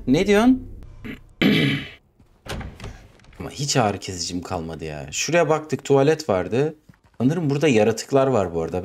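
This is the same sort of clip: a young Turkish-accented gaming YouTuber narrating a horror game, startling easily, cursing, and addressing both himself and the game. His voice is medium in pitch and a little mellow.

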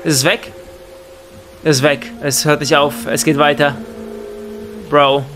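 A young man doing excitable Let's Play commentary, full of exclamations and questions and sprinkled with English slang. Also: on the high side, takes it slowly, slight background noise. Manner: mixes English slang into German. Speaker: gaming YouTuber.

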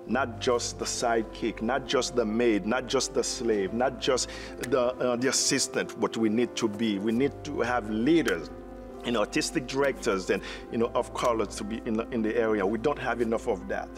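A man's voice: medium pitch, normal speed, music in the background. Haitian-accented man, earnest theater director. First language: Haitian Creole. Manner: earnest, with many fillers and restarts. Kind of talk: interview. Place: indoor theater seating.

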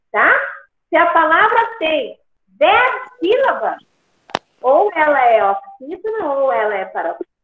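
A woman's voice: high voice, reverberant, narrow, tinny audio, a little hiss or hum. A woman teacher explaining grammar patiently to a class over a video call, checking in with "tá?" as she goes. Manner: patient, repeats points with "tá?".

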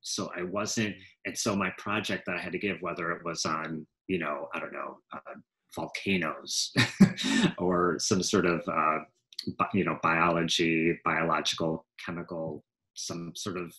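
A forties-aged actor joins a casual interview by video call from a room at home, speaking into a headset mic. His voice is low and sharp-toned at a measured pace, and the recording is rough. He tends to ramble, throw in asides, and correct himself partway through sentences.

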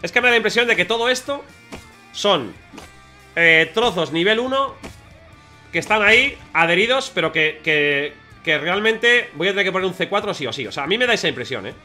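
Excitable Spanish gamer with a lively high voice. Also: male voice, brisk, soft background music. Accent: Spain Spanish. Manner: chatty, excitable, talks to viewers. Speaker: gaming streamer. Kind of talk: live gameplay commentary.

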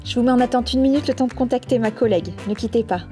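A woman's voice: a little high, very fast, lightly acted. A woman playing a bumbling customer service agent, speaking in a phone-greeting manner in a comic training sketch. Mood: polite, helpful. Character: bumbling, slightly flippant call-centre customer service agent. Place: small office set, indoors. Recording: background music.

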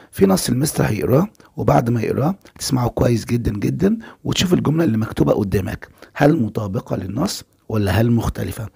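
A man's voice: medium pitch, vocal fry, darkish tone, breathy edge. A man with an Egyptian Arabic accent teaching an English exam review, explaining step by step and answering his own questions.

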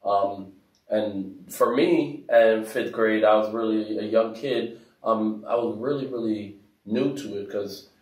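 A man from Africa telling a story in a casual discussion, soft-spoken with many fillers. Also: lowish voice, slow pace. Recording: roomy echo, mic at a distance.

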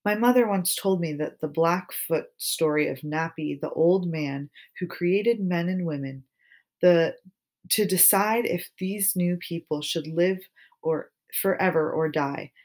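A woman reading a first-person novel aloud in a gentle, steady storytelling manner. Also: fairly low pitch, unhurried. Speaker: audiobook reader. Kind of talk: first-person audiobook narration.

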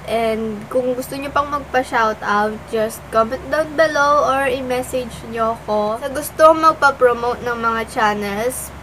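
A woman's voice: on the high side, a bit bright, a little hiss or hum, poor audio. Playful young woman vlogger, teasing comebacks. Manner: eating while talking. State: stuffy cold. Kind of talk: casual vlog reacting to comments.

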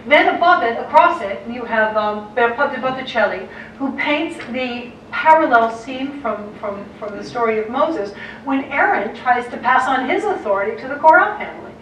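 An American art historian, a woman with a voice on the high side, delivers an animated illustrated lecture to clergy with quick asides and dramatized quotations. The muffled recording comes from a room mic far from her lectern in a large, dim auditorium with a projector screen, sounding echoey and distant with a faint hiss.

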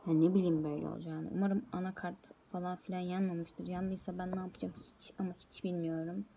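A woman's voice: fairly low pitch, little pitch movement, quick pace, gravelly, mellow, slight background noise. A young woman talking casually to her viewers in a vlog, chatty and addressing them directly. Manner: chatty, speaks straight to viewers. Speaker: vlogger. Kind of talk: casual vlog talk to camera.

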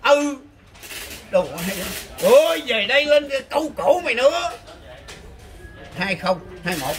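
A man's voice: very high voice, very animated, unhurried, fairly bright tone, a little hiss or hum. A man with a Southern Vietnamese accent, trash-talking and teasing his opponent over a street chess game, boastful and laughing. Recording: crowd chatter behind.

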